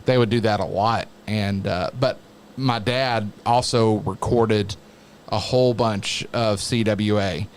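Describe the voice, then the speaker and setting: A man who works as a wrestling announcer, chatting casually as an interview guest in a halting, reflective way. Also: on the low side, steady tone, a little hiss or hum.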